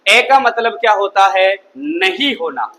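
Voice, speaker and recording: In a rough recording, a man with a high, very animated voice teaches a Hindi grammar class at an unhurried pace, his tone sharp. This classroom lecture has him constantly quizzing students through call-and-response questions.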